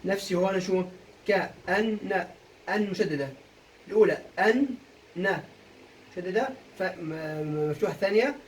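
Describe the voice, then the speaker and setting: A young man teaching a poetry meter lesson for exam prep, quizzing students with quick questions and answering them himself. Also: high voice, far from the mic, poor audio. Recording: voice a bit off-mic, faint room noise.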